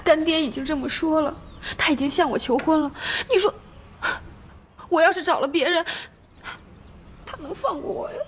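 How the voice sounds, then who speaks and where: A woman's voice: high voice, moderate pace, pauses often, slight background noise, lightly acted. A young actress playing an anxious, tearful young woman who pleads in a TV drama. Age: young adult. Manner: pleading, distressed. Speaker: goddaughter. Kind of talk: TV drama acting.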